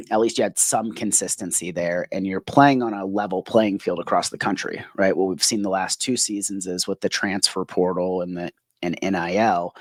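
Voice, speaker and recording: On a casual sports podcast, a male co-host with a low voice talks at length, frequently ending his points with a questioning "right?". The recording has no audible room sound.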